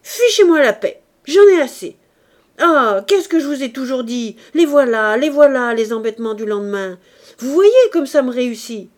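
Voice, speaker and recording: A woman reading an audiobook, voicing a young man who loses his temper and shouts back at his uncle. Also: high-pitched, expressive, normal speed, pitched above the performer's own voice. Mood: furious. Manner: shouting, exasperated outbursts. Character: young man, embarrassed and furious nephew.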